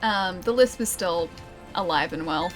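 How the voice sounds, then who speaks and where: Speaking in a lowish, unhurried voice, a woman chats casually with viewers while livestreaming a game. Retainer trays in her mouth make her articulate a little carefully. Background music plays under her voice.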